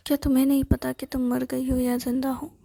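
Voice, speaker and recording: A fretful young man muttering to himself, as a woman puts him on in a whispered role-play. His voice is a breathy, fairly flat whisper, dark and soft. The delivery stays steady. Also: sits high, a little fast, exaggerated voice. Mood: puzzled. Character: nervous young man talking to a ghost.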